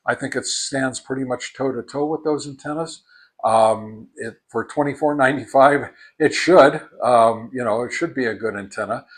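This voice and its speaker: Here a man with a husky, mid-range voice reviews a product casually as a hobbyist. He speaks haltingly and deliberately, repeating words to stress his points.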